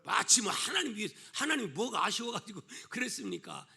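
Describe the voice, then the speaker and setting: High-voiced, gravelly pastor preaching. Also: male voice, big pitch swings, fairly quick. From South Korea (Jeolla). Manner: swings from loud exhortation to hushed asides; asks the congregation rhetorical questions. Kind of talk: sermon.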